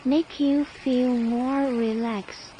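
A woman guiding a meditation in a soft, soothing, spa-like delivery. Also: sits high, steady tone, drawn-out words, dull audio. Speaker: relaxation guide. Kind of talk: guided meditation narration. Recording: noisy ambient background sound.

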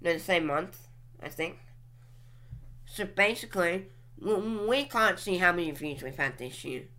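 A young woman talks slowly through her channel numbers, drawing out each figure as she muses. Her voice is bright and forward. She thinks aloud casually as she clicks from app to app. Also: on the low side, expressive. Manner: drawn-out, musing, talks while clicking through apps. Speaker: podcast host reviewing her channel stats. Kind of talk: casual solo commentary.

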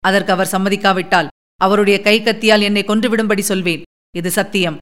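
Woman narrator plays a devoted young noble, pitched down, solemn and pleading. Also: fairly even intonation, brisk, a bit bright, natural voice. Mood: earnest.

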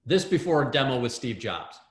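Excitable man in a roomy echo. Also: medium pitch, fairly quick, a little hiss or hum. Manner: excitable, lots of fillers and restarts. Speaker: guest, startup hardware builder. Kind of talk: animated storytelling in an interview.

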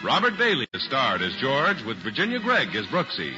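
A man's voice: medium pitch, huge pitch swings, moderate pace. An American man reading scripted announcements in vintage mid-century radio style. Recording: muffled vintage radio recording with music.

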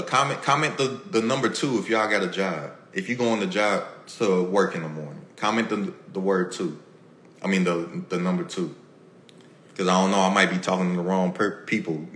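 A deep yet fairly bright male voice echoes through the room. As a motivational podcast host, he gives a motivational talk to a live audience, addressing listeners directly in an emphatic, repetitive, preachy way and acting out snippets of everyday dialogue.

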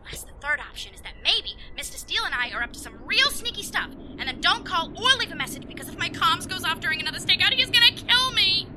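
A woman playing an excitable, scatterbrained, chatty secretary in a comic audio drama, gushing breathlessly through a voicemail greeting. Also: extremely high pitch, fast, few pauses, noisy background. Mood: bubbly, rambling.

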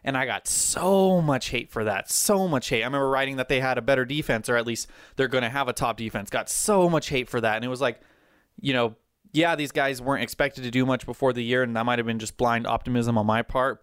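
Sports podcast host, man, mid-pitched and clean-toned, talks fast and keen like a hyped-up fan. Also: smooth, no room sound, studio quality. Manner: energetic, rambling, fan enthusiasm. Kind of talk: casual sports chat.

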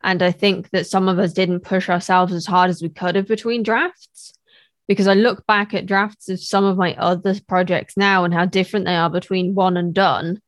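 A woman's voice: on the low side, little pitch movement, moderate pace, dry recording. Woman podcast host, close dry sound. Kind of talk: conversational podcast talk.

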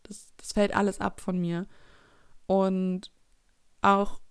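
A woman's voice: medium pitch, level tone, takes it slowly, clean tone, no room sound, clean studio sound. A woman in her twenties talking reflectively in a casual personal monologue, often searching for her words. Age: 20s.

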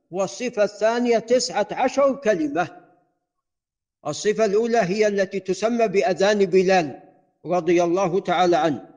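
A man teaching a hadith class as sheikh, explaining in a measured way and reciting set formulas in a lowered voice. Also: darkish tone.

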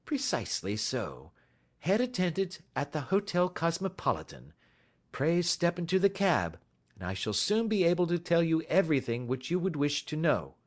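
Gentleman sleuth for classic storybook, played by a man. Suave, confident, wryly mocking, exact, animated and raised in pitch. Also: normal speed. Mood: suave, courteous. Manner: suave, precise, wry. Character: shrewd, self-assured male gentleman detective, gently mocking.

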